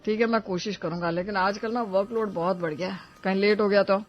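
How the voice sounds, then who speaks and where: A woman's voice: medium pitch, steady tone, fast, highs cut off, faint music behind, lightly acted. Woman playing a grumbling young cartoon husband. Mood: complaining. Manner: complaining, teasing. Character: young put-upon husband, grumbling but gentle. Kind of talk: cartoon voice acting.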